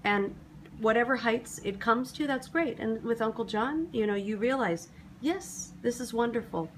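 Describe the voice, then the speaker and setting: A woman talking casually and reflectively in a measured way, like a granddaughter in a family conversation. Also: on the high side, lively intonation, a little hiss or hum, low-quality recording.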